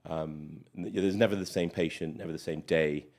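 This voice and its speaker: A man's voice: rumbling low, fairly even intonation, normal speed, darkish tone. A middle-aged man with a British accent, a guest doctor chatting casually in an interview, rambling with many fillers. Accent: British English. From Malawi.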